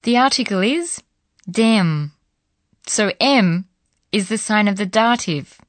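A woman's voice: medium pitch, animated, slow, no echo. A woman presenting a scripted radio language course in an instructional way. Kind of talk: scripted lesson narration.

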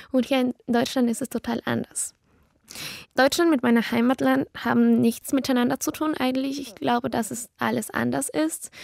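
A woman's voice: on the high side, vocal fry, darkish tone, no room sound, clean studio sound. A woman of about nineteen from Ecuador, a native Spanish speaker with an Ecuadorian Spanish accent, talks earnestly in learner German about herself. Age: young adult, about 19. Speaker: German learner in a portrait interview. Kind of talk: personal portrait answers.

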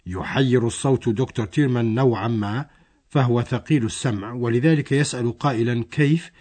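Husky male lesson narrator. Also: mid-range voice, brisk, a little mellow. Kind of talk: scripted educational narration.

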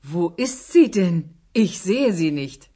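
Slow, husky, puzzled mother. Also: on the low side, big pitch swings, mellow, exaggerated voice. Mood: puzzled, doubtful. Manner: bewildered, questioning. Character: puzzled, sceptical mother of a boy. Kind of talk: language-course radio drama.

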